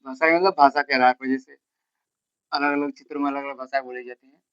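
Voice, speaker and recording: A man's voice: medium pitch, steady tone, fairly bright tone, clean tone, dry recording, muffled recording. Male teacher lecturing in a dry room. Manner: asks the class questions and answers them himself; repeats key terms slowly, with a filler word after each point. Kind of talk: classroom lecture.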